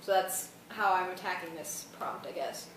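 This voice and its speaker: A young adult woman vlogging as a student gives a rambling, casual explanation in colloquial language, her tiredness audible. Her voice is on the low side at normal speed, and the roomy recording from a distant mic carries faint noise.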